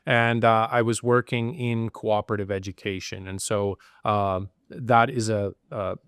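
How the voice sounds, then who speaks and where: A man's voice: lowish voice, little pitch movement, a little slow, fairly bright tone, clear, resonant tone, no echo, clean studio sound. A middle-aged man from Canada with a Canadian accent, a university program head talking in an interview, rambling with many restarts and fillers. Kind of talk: conversational interview.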